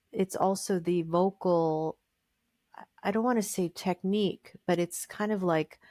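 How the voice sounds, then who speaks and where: A woman guest musician answers questions in a casual interview, her lowish voice a little mellow. She speaks thoughtfully and meanders, with plenty of fillers and restarts. The recording is studio quality with no echo.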